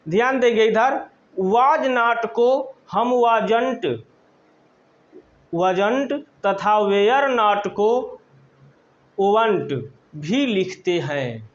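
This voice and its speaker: A man with a Hindi accent teaching English grammar in a lesson, dictating slowly and repeating each phrase so students can write it down. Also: sits high, lively intonation. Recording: dull lo-fi recording.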